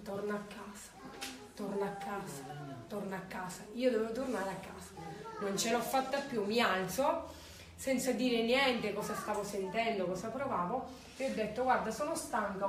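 A woman tells her faith testimony in an earnest voice of middle pitch and often acts out old conversations. She sounds a little far from the mic, in a roomy space with faint ambience behind her. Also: moderate pace, noisy background. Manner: earnest, retells past dialogues. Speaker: believer giving a testimony.

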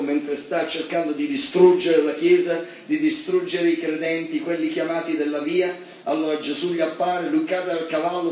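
A man preaching a sermon in an animated way, reading scripture and breaking into high emphatic bursts. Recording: very echoey hall, mic far off, faint background noise.

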